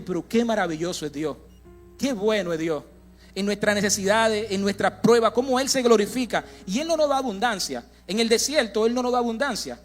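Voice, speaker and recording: A young man preaching a sermon, telling a personal testimony in a conversational way, with frequent restarts and direct asides to the congregation. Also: high voice. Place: church sanctuary.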